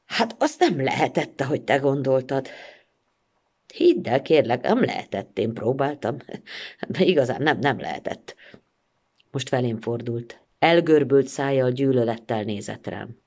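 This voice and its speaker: An actress reciting a first-person story theatrically, expressive and shifting between pleading and irony. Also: female voice, rumbling low.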